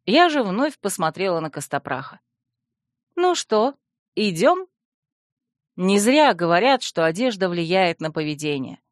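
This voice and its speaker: A woman narrating a fantasy audiobook in first person, wry and expressive. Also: fairly low pitch, moderate pace, hardly any pauses, no echo, studio quality.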